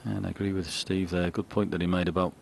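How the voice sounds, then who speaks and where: A man's voice: low voice, little pitch movement, quick pace, creaky. A man giving live co-commentary on a snooker match. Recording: crowd and faint noise behind. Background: snooker arena crowd.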